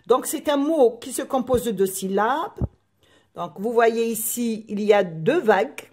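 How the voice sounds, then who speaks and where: A woman teaching a primary school phonics lesson, spelling out letters and sounds slowly and carefully. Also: a little high, darkish tone, echoey room, a little hiss or hum. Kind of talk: recorded classroom lesson.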